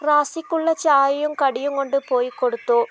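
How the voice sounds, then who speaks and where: A woman reading a story aloud in a steady narrating voice. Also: high-pitched, brisk, slight background noise.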